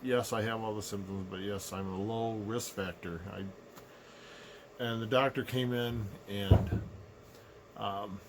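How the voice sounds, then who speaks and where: A middle-aged man talking casually to camera in a low, unhurried, subdued voice, sick with a sore throat. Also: fairly even intonation, noisy background. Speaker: vlogger. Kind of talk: casual personal rant to camera. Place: small living room indoors.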